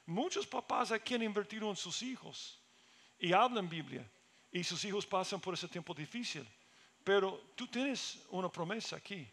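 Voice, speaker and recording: A man's voice: sits high, lively intonation, moderate pace, creaky, a bit bright. A middle-aged man preaching a sermon in Spanish as a pastor, earnest and building to emphatic peaks.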